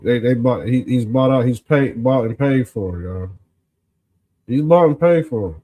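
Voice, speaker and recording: With a warm, mid-range voice, this male host of an informal political commentary show talks in a folksy street manner. He draws out words for emphasis and takes a smug, sarcastic tone, as if exposing something.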